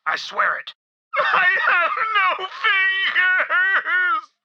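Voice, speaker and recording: An actor playing a frantic bandit cultist in a video game, shrieking, pleading and sobbing. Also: male voice, very high-pitched, sing-song, slow pace, vocal fry, highs cut off, full character voice. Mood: hysterical.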